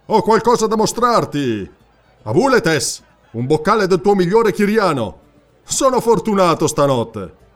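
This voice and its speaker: A male audiobook narrator voicing a brash, boastful young barbarian warrior who talks boldly and defiantly, a little higher than his own voice. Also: expressive, a little fast, faint music behind, natural voice. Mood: boisterous.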